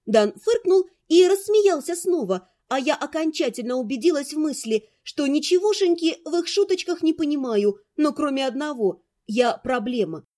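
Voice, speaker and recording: A woman calmly narrating a first-person fantasy audiobook. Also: high voice, moderate pace, hardly any pauses.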